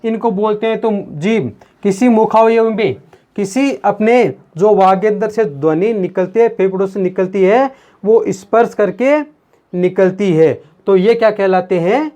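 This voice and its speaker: A man teaching a grammar lesson on video. He talks slowly and repeats himself, calls the viewers his friends, and asks questions that he then answers himself. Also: sits high, dark tone. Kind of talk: video lesson explaining at a board.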